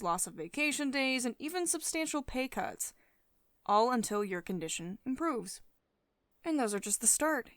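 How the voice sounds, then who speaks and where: A woman plays a commanding female CEO in a dry, close ASMR roleplay, her pitch moving freely and her sound a bit bright. Stern, domineering, and sardonic, she condescends with clipped reprimands sweetened by sugary pet names. Under the strict authority lies a caring edge.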